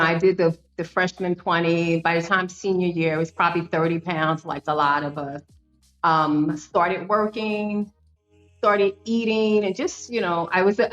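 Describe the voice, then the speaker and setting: A woman in her fifties, appearing as a podcast guest, tells her story in an earnest, conversational interview, often using fillers and restarting sentences. Her voice sits fairly low, and the recording sounds lo-fi.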